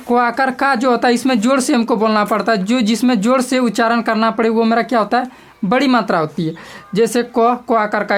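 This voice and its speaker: A woman teacher giving a grammar lesson step by step, repeating key terms and asking the class questions. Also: a little high.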